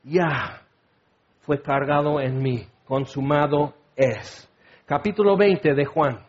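A man preaching a sermon in an expressive, conversational way; dull lo-fi recording. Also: high-pitched. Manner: expressive, conversational, acts out quotes.

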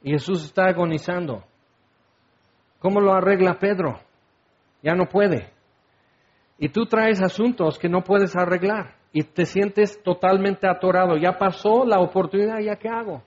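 A man preaching a sermon in an expressive, conversational way; dull lo-fi recording. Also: high-pitched, measured pace. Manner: expressive, conversational, acts out quotes.

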